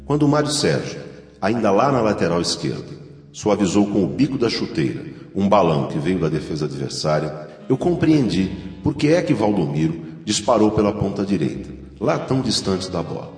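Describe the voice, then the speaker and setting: A man's voice: low-pitched, very animated, normal speed, a little mellow. A man reading a scripted, literary first-person narration. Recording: echoey hall reverb, faint music.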